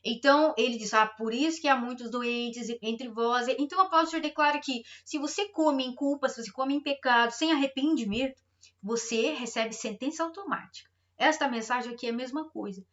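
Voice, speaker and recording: Bright high-voiced woman preaching. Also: brisk, muffled recording. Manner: emphatic, repetitive preaching with acted-out complaints. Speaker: pastor. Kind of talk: sermon.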